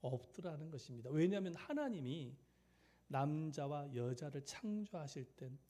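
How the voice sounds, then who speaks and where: Male pastor, storytelling sermon, slightly higher-pitched voice, asks the congregation questions. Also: sing-song, moderate pace, warm tone.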